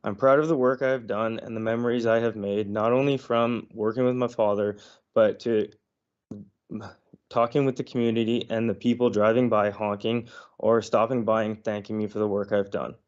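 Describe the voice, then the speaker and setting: An earnest man reads a prepared statement to a council committee while under the weather. His voice sits on the low side, and the remote line makes it sound dull and lo-fi. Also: steady tone, normal speed, darkish tone. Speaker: property owner presenting to council. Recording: dull lo-fi online audio.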